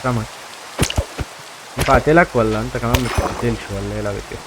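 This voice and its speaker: A man's voice: medium pitch, racing, background noise. A young man with an Egyptian accent, chatting to viewers as he plays a survival game, repeating himself as he goes. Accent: Egyptian Arabic. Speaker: gaming YouTuber. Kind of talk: casual gameplay commentary.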